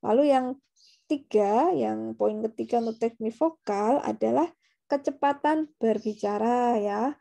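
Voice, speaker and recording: A woman's voice: on the high side, unhurried, vocal fry, dark tone. A woman teaching a public speaking class, explaining step by step and checking in with her listeners. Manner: explanatory, tags sentences with friendly "ya" checks. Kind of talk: online class lecture.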